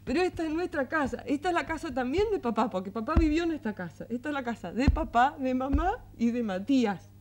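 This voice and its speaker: Tender, tired single mother, Rioplatense accent, soft coaxing murmur, a bit high, faint hum behind. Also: animated, fast, hardly any pauses. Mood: tender, earnest. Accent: Rioplatense Spanish. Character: tender, weary single mother comforting her son. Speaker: mother of an eleven-year-old boy. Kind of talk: 1980s television drama acting.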